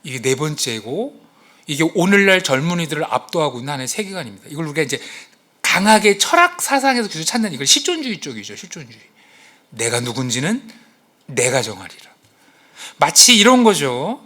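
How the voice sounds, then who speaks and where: A man's voice: on the high side, fast. A male pastor preaching a sermon to his congregation in a church, acting out quotes and asking the listeners questions. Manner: animated, acts out quotes and exclamations. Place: church sanctuary.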